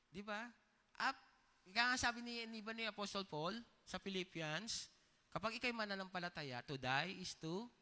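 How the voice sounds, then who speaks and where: A long church-hall reverb surrounds a man preaching as pastor, his voice sitting high with a sharp tone. He tells personal stories in a conversational way, regularly checking in with the congregation through short questions.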